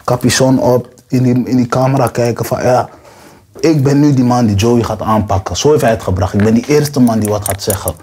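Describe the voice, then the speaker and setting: A man's voice: mid-range voice, a little fast, slightly rough. A young man rapper, interview guest, talking in casual street slang and acting out quotes with a raised voice. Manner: animated, acts out quotes with raised voice.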